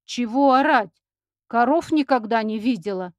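A woman voicing a quick, sceptical young woman with a dry, mocking way of talking. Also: fairly high pitch, no echo, natural voice.

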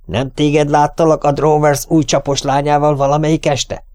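A man's voice: medium pitch, a little mellow, dry recording, studio quality, lightly acted. A man voicing a hot-tempered older brother, a vet who lectures reproachfully. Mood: scolding.

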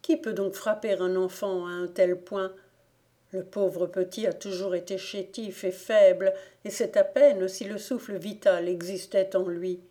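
A woman reading a story aloud as an audiobook narrator, in a slow, measured and solemn manner. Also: fairly low pitch, dark tone. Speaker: audiobook reader.

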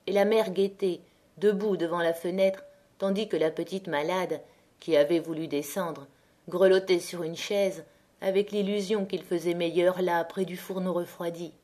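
A woman narrating a classic novel as an audiobook reader, with a measured, even delivery. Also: fairly low pitch.

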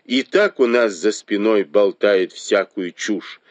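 A man reading aloud and voicing a shrewd, sharp-tongued noblewoman who scolds and mocks her husband. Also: on the low side, slow pace, no room sound. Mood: indignant. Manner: mocking, reproachful.

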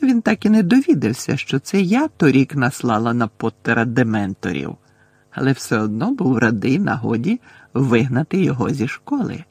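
A man's voice: mid-range voice, very animated, darkish tone, no room sound, heavily acted. Umbridge, a man voicing a sugary, cruel witch. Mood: gloating. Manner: slow, gloating, breathy menace. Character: cruel sugary middle-aged woman professor.

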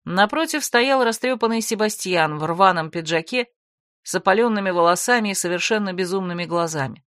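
A woman's voice: mid-range voice, lively intonation, fairly quick, fairly bright tone, no echo. A woman narrating a fantasy audiobook in the first person, dry and matter-of-fact.

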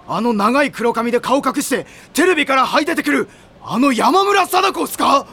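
A man voices a loud, hot-blooded high school volleyball boy who spooks easily, in an anime audio drama. He blusters in rough slang, sounding brash and incredulous, with an animated, heavily acted delivery at normal speed.

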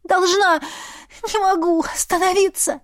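A woman's voice: extremely high pitch, fairly quick, dry recording, clean studio sound, pitched above the performer's own voice. A woman voicing a desperate young woman under a spell, pleading in a strained, tearful voice.

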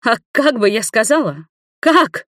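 A woman voicing a hurt young woman, shouting high and accusing at her former lover in an audiobook. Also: moderate pace, no room sound, studio quality, close to an everyday voice. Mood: furious.

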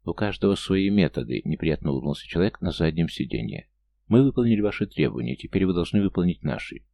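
Deep gravelly male audiobook narrator. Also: expressive, quick pace, dark tone. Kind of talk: scripted narration of a thriller.

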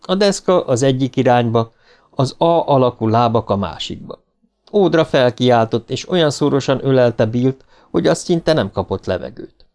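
An audiobook narrator, a man with a mid-range voice, reads a novel aloud. His scripted narration is steady and measured.

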